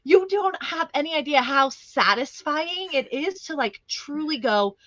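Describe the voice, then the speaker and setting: A woman's voice: high-pitched, animated, a little slow, sharp tone, no echo, dull audio. A woman co-hosting a casual podcast, chatty and giggly, poking fun at herself. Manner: chatty, giggly, self-deprecating. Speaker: podcast co-host. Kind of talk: casual chat.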